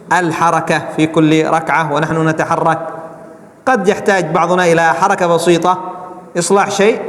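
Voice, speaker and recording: Man teaching a class in a big mosque hall, highish voice, lots of echo. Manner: checks understanding often, demonstrates chants aloud. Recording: echoey hall, long reverb.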